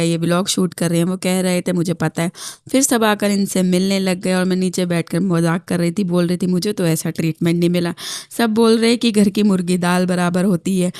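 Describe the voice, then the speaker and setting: A woman's voice: medium pitch, vocal fry, a little mellow, no room sound, studio quality. A young woman narrating her family day in a chatty vlog voice-over, quoting her relatives as she tells the story. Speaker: vlogger.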